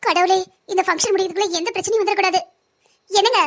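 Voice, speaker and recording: A man voicing an anxious, pleading young wife in a cartoon family drama, with a strained falsetto. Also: fairly even intonation, fast. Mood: worried.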